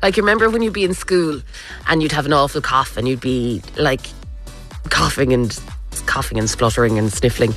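A woman's voice: a bass voice, normal speed, a bit bright. A woman with a west of Ireland accent from Kerry, chatting casually as a radio co-host. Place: radio studio. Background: music.

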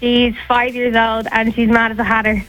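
An Irish woman takes part in a radio phone-in, talking casually. Her voice is fairly high, and soft music plays faintly behind her. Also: monotone, normal speed, poor audio.

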